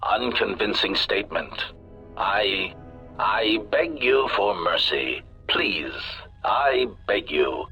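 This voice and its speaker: A man's voice: on the low side, lively intonation, slow, exaggerated voice. A man voicing a cold, sardonic male assassin droid through a metallic robotic voice filter, clipped and announcing each remark with a label. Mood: mocking. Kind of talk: video game character dialogue. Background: loud game music.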